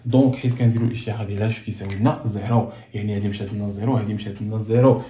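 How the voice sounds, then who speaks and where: A man's voice: lowish voice, fairly even intonation, very fast, warm tone, slight background noise. A man with a Moroccan Arabic accent teaching physics at a board, asking and answering his own questions to keep students following. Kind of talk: blackboard lesson. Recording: echoey room.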